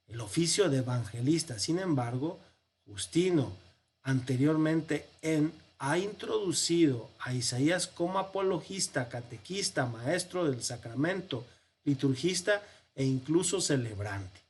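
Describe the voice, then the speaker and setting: Man, priest lecturing a Bible class, unhurried delivery, slightly raised pitch, poses and answers questions. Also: slightly rough. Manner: explanatory, poses rhetorical questions and answers them; walks through a text on screen, counting and pointing.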